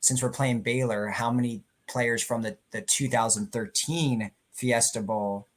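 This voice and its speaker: A man on a casual sports podcast panel, asking questions in a slightly halting way. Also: medium pitch, fairly even intonation.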